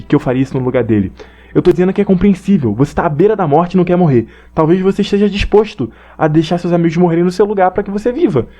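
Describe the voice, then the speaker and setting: Fast-talking Brazilian young man. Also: a little high, mellow. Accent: Brazilian Portuguese. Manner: slangy, rambling, reads from notes. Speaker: anime commentator. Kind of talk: casual opinion monologue.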